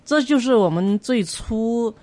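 A woman's voice: a little high, lively intonation, a little slow, darkish tone. A middle-aged woman with a Cantonese accent, speaking as a guest in a casual discussion. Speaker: interview guest, former fund committee member.

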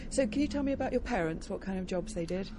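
A woman's voice: medium pitch, expressive, fast, noisy background. A woman interviewing a guest, asking curious, prompting questions about his upbringing. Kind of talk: radio interview.

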